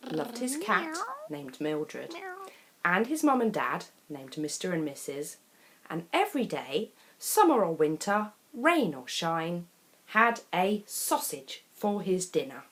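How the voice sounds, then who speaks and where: A woman with a voice on the low side reads a children's picture book aloud, taking the storyteller's role. She is expressive and deliberate, pausing dramatically between phrases.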